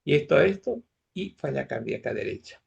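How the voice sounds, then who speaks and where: A man's voice: mid-range voice, animated, brisk, vocal fry, darkish tone, muffled recording, a little hiss or hum. A man teaching medicine in an online class, explaining step by step and often asking his students if they follow. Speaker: medical lecturer.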